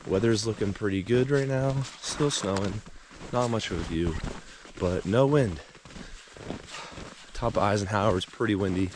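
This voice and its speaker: A man's voice: fairly low pitch, moderate pace, long pauses. A man talking casually to his camera while trudging through snow outdoors on a windy trail. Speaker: hiking vlogger filming himself. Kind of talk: casual outdoor vlog talk. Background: wind and outdoor noise.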